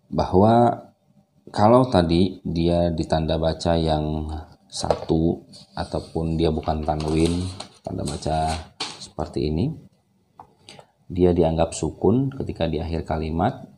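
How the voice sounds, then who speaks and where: Male Indonesian recitation teacher, slow and very soft-toned, over-enunciating each example for learners. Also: a bass voice, a little hiss or hum. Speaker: Quran reading teacher. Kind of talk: step-by-step recitation lesson.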